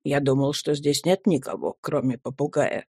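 A woman voicing an absent-minded, sulky rich middle-aged businessman in a low, slow mumble in a storybook reading. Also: mellow, husky, no echo, studio quality.

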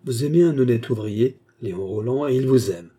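A man's voice: medium pitch, fairly quick, warm tone, husky, natural voice. A man voicing a scheming baronet villain who poses as a kind benefactor, talking in an earnest, persuasive way in a French audiobook novel.

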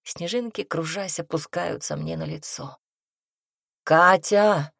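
A woman narrating a first-person audiobook in an intimate, expressive manner, close to the mic. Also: on the low side, unhurried, no room sound.

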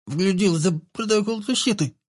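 A frightened female scientist, held hostage yet refusing to give in, speaks in a pinched, nasal, strained voice, as a male narrator puts her on. Her voice sits well above his own, with a breathy rasp. The sound is dry and close. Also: sits high, normal speed, no room sound, voice pushed up. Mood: pleading defiant.

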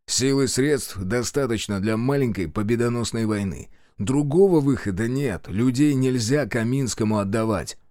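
A man's voice: mid-range voice, moderate pace, few pauses, a little mellow, no echo, studio quality, close to an everyday voice. A man voicing a blunt, stubborn male partisan commander in an audiobook. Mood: stern. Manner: blunt, gruff.

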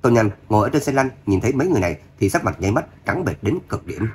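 A man narrating a novel in a rapid, even reading. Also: fairly low pitch, a little hiss or hum. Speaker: audiobook narrator. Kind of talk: scripted narration.

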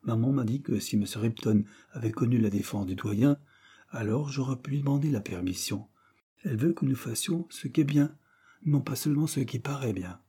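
A man's voice: mid-range voice, moderate pace, mellow, slightly rough. A man voicing an earnest, polite schoolboy who speaks eagerly and respectfully. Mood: sincere.

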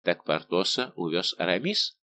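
A bold, cheerful musketeer, as a male narrator puts him on, bantering and exclaiming. His lowish voice leaps about with lively intonation. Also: normal speed, highs cut off, heavily acted. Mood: eager. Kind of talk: audiobook character voice.

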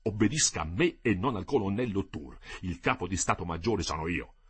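A man's voice: low voice, expressive, brisk, fairly bright tone, husky, full character voice. A man voicing a stern, touchy military chief of staff in an audiobook, giving curt orders. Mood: commanding. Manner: curt, commanding.

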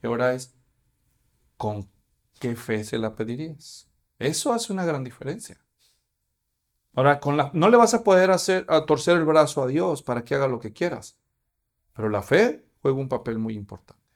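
A man's voice: mid-range voice, lively intonation, normal speed, long pauses. A man, preaching a sermon as pastor and asking his congregation questions.

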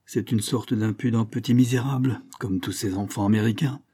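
Storybook reading: a man doing a short-tempered old English lord, dark and husky, barking his scorn. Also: on the low side, fairly even intonation, moderate pace. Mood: scornful. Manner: growling, scornful outbursts. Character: irascible gouty old English earl.

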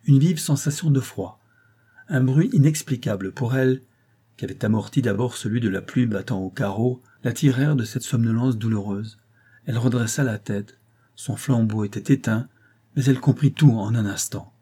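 A man reading a classic novella aloud in a measured, dramatic storytelling manner. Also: mid-range voice, mellow, slightly rough. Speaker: narrator.

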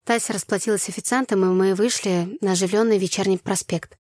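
A woman narrating a first-person novel in an even, storytelling delivery. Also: medium pitch, fast talker, no room sound, clean studio sound. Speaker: audiobook narrator.

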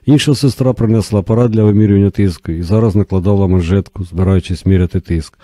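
A man reads a novel aloud at a steady, measured pace. His voice sits somewhat low and sounds very dark and mellow. The recording is dry and close, with no room around it. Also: no echo. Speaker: narrator. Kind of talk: audiobook narration.

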